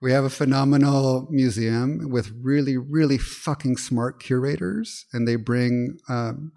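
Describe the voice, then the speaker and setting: A man in conversation, thinking aloud as he goes. His voice sits at an ordinary middle pitch, and he circles back on his phrases while he works toward an idea. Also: measured pace, creaky, dark tone. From Peru. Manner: thoughtful, searching, many restarts and fillers. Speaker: poet, interview guest. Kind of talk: reflective conversational talk.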